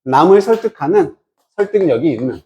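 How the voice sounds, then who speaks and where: A man teaching an English reading lesson, asking and answering his own questions and drawing out English words slowly. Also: a little high, very animated, darkish tone, dull audio. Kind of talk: lecture.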